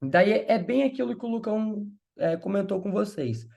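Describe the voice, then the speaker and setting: A man's voice: high-pitched, expressive, vocal fry, a little mellow, dull audio. A man with a Brazilian Portuguese accent giving a casual sales training talk and acting out sample phone calls. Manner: acts out calls in quick shifts of voice. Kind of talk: casual training talk with role-play examples.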